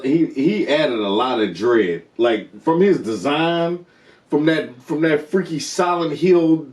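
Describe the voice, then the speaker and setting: A man's voice: fairly high pitch, expressive, takes it slowly, a little mellow. A man co-hosting a TV review show, chatting casually, eagerly talking over his partner and calling him bro. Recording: roomy, distant from the mic.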